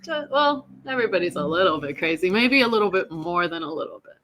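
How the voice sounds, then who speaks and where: Woman in her 40s from Iran, bright clear voice, candid chatty podcast host. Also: fairly low pitch, lively intonation, fast. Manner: chatty, swears freely, laughs through dark memories. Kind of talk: candid casual conversation.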